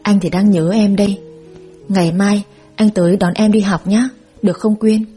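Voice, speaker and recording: A woman's voice: mid-range voice, steady tone, normal speed, warm tone, husky, soft background music. A woman voicing an affectionate young man who coaxes his girlfriend. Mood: coaxing. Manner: coaxing, affectionate.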